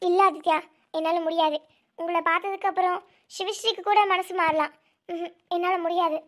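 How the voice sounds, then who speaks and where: A woman's voice: very high-pitched, fairly even intonation, fairly bright tone. Woman voicing a tearful young snake-woman. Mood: firm refusal. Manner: tearful, pleading, halting repeats. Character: grieving young snake-woman, protective elder sister. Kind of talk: amateur audio drama.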